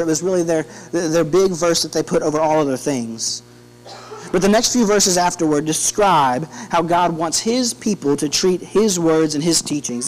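Standing at the pulpit of an indoor church sanctuary, a thirtysomething man delivers a sermon in a fairly high voice, talking earnestly and conversationally and frequently starting his phrases over. A constant electrical hum runs under the low-quality audio.

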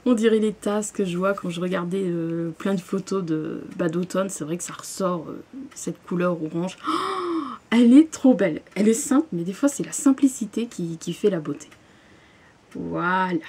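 A young woman opening a parcel in her bedroom, gushing with excitement and often restarting her sentences. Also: on the low side, moderate pace, slightly rough. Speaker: vlogger. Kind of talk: unboxing vlog. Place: bedroom, at home. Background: paper crinkling.

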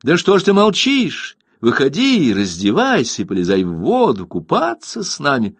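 A man reading an audiobook, voicing playful, teasing young women of a khan's harem in a high falsetto. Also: wildly swooping pitch, moderate pace, husky, dry recording, heavily acted.

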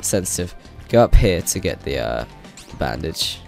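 A man's voice: a bass voice, big pitch swings, normal speed, gravelly. A man with a stuffy, congested voice from a cold, giving rambling, hesitant casual commentary as he plays a game on his channel. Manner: rambling, hesitant, laughing often. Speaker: gaming channel host. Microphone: desk microphone set to high sensitivity. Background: game music.

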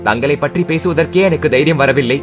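A man's voice: on the high side, fairly quick, soft background music, voice pushed down, close to an everyday voice. A man voicing a young princess, fearful and tearful, speaking in a sorrowful pleading way in an audiobook.

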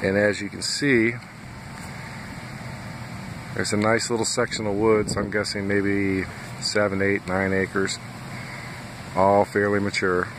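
Slow, low-voiced man trapping on a farm. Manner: plain-spoken, folksy, addresses viewers directly. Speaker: nuisance wildlife trapper. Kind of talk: casual outdoor video walkthrough. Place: outdoors on a farm field by a fence line. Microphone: handheld phone camera. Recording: phone recording outdoors with steady background noise.

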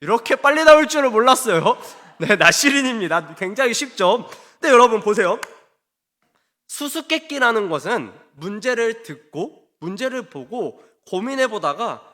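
A man preaching a Wednesday evening sermon as pastor, chatty and animated, quizzing his congregation and acting out quoted lines. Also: very high-pitched, moderate pace. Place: church sanctuary. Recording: long church hall reverb.

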